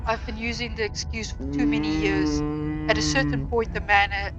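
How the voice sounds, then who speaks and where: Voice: medium pitch, normal speed, dull audio, close to an everyday voice. A game player voicing a dying old father, remorseful and pleading in a folksy way, with music behind. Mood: bitter, resigned. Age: older. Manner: folksy, pleading deathbed speech.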